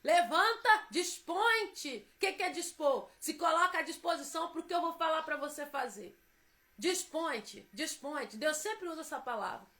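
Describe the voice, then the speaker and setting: A woman's voice: high voice, lively intonation, normal speed, bright, forceful tone. A woman preaching a devotional sermon, emphatic and repetitive as she urges her listeners on.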